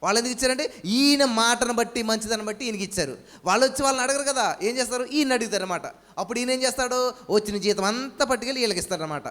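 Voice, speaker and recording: A man's voice: very high-pitched, rapid-fire, long reverb tail. A man preaching a sermon as pastor, fervent and full of rhetorical questions, often calling out hallelujah. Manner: shouted commands when casting out.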